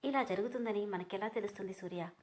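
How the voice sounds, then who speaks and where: A woman voicing an apologetic older father in a storybook reading, gently soothing his daughter. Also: mid-range voice, fast, close to an everyday voice.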